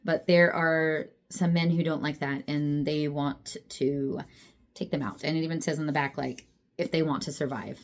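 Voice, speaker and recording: A woman's voice: deep voice, fairly even intonation, moderate pace. A young adult woman chatting casually about books, laughing often and poking fun at herself. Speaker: book vlogger. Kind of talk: casual chat.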